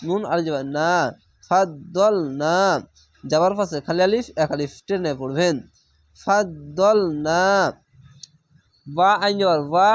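High-pitched guy teaching quran reading, spells out every syllable then blends it, dry close mic. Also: no echo. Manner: spells each syllable then blends it, patient instructive repetition. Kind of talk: slow letter-by-letter Quran reading lesson.

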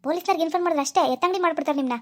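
Cartoon: woman doing a high-pitched, rapid-fire, impatient shopkeeper who scolds. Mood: scolding. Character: irritable male pawnbroker, bossy and scornful. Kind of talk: animated cartoon dialogue.

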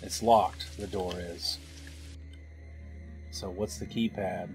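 A man's voice: low voice, fairly even intonation, slow, darkish tone. A man giving a let's play commentary, thinking aloud as he puzzles through a game and drops wry asides, with game music behind him. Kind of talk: gameplay commentary.

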